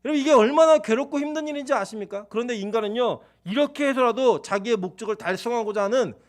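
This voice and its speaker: A man preaching a sermon as pastor, in a conversational, animated way with playful asides and acted-out quotes. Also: very high-pitched, quick pace.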